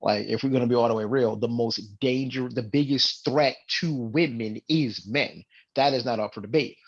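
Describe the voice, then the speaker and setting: A young adult man co-hosting a podcast speaks in a gravelly, creaky voice at an even middle pitch. He talks earnestly and with emphasis, slipping into quoted voices. The sound is a bit dull and lo-fi. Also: normal speed. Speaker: podcast co-host. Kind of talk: casual podcast talk.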